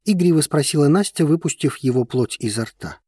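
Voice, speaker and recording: A man narrating an audiobook in a measured, even reading manner. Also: fairly high pitch, breathy edge, no echo, studio quality.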